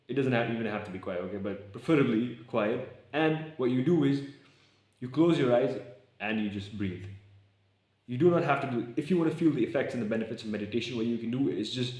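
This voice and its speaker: A young man vlogging in casual, excitable talk to camera, slangy and swearing. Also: mid-range voice. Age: young adult. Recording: echoey room.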